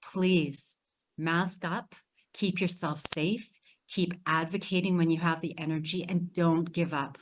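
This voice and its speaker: A woman panelist speaks with earnest conviction in a slightly low voice. She advocates steadily in the measured delivery of panel remarks. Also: fairly even intonation, a little hiss or hum, rough recording.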